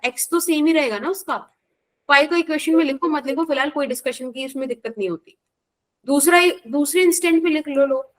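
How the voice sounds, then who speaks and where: A woman's voice: high-pitched, a bit bright. An Indian woman teaching a physics class, explaining patiently and checking in with students by name. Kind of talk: live online class.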